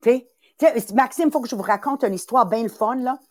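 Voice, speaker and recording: This Italian-born podcast host and sales coach, roughly sixty with a Quebec French accent, delivers a motivational talk in an emphatic, repetitive style, acting out little voices along the way. She speaks briskly in a voice on the high side. The studio sound is clean and dry.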